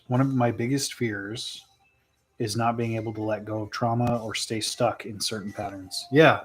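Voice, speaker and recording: A man streaming live and answering viewer questions in a relaxed, rambling way, thinking aloud with plenty of fillers and laughs. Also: on the low side, breathy edge. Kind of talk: casual live chat.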